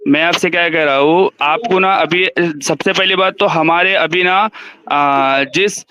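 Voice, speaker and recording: A man's voice: a little high, bright, forceful tone, slight background noise. A man on a live stream debate, arguing a religious point insistently and repeating himself to get heard.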